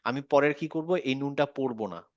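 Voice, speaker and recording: A man's voice: medium pitch, normal speed, darkish tone, no room sound, muffled recording. A man teaching a Quran recitation lesson, patiently repeating words and checking that his student follows. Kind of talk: online tajweed lesson.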